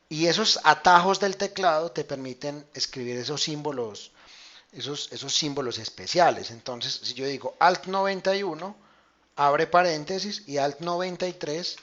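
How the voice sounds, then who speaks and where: A man teaches a math class online, talking through each step casually and checking in with his students as he goes. His voice is bright and a touch high. It comes through a dull, lo-fi computer microphone. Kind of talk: online class lecture with screen demonstration.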